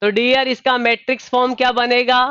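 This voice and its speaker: High, smooth-voiced male tutor. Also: level tone, a little fast, pushed and bright, no echo, highs cut off. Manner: calls on students by name and says "dear"; repeats questions patiently. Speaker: online exam tutor. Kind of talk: live online engineering lecture.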